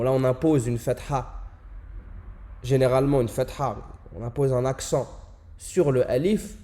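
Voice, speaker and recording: A man leads an Arabic lesson with a mellow, warm voice pitched in an ordinary middle range. He explains patiently, repeating the example words and drawing them out slowly so each sound can be heard. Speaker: Arabic teacher.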